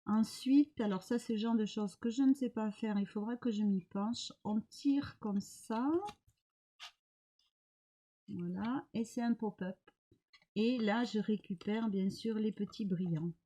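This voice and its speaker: Middle-aged woman, crafting vlogger, unhurried and hesitant with lots of fillers, soft warm tone. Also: mid-range voice, rough recording. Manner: hesitant, many pauses and fillers. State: recovering from illness. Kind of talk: casual show-and-tell of mail.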